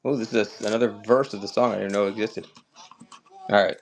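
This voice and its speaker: A man's voice: on the low side, fairly even intonation, a little fast, vocal fry. A man running a live collectibles auction stream, chatting casually and upbeat with viewers as he sells items.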